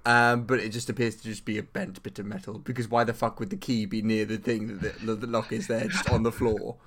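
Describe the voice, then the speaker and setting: Dude dm-ing a tabletop game, bright sharp voice, lots of ums and restarts. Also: male voice, on the low side, flat delivery, brisk, slight background noise. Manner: rambling, lots of ums and restarts, casual swearing. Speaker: game master.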